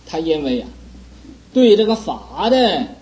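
A man, a Buddhist teacher, lecturing on a sutra in an earnest voice and gently scolding and teasing his listeners. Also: a little high, big pitch swings, unhurried, low-quality recording.

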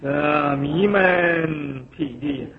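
A man giving a Buddhist sutra lecture, explaining slowly and filling pauses with drawn-out syllables. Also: fairly high pitch, vocal fry, a little hiss or hum. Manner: slow explanatory, many drawn-out filler syllables. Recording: tinny lo-fi recording with audience.

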